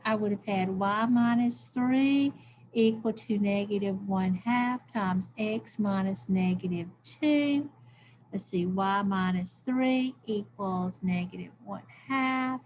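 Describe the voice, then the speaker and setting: A woman's voice: medium pitch, slow pace, slight background noise. A woman teacher, walking through math steps aloud in a recorded lesson and checking in with "okay?".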